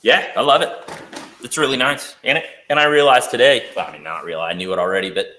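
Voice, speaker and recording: A man's voice: mid-range voice, fast talker, pushed and bright, reverberant, slight background noise. A man in casual chat about a car build, rambling and hedging with fillers. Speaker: guest on automotive chat.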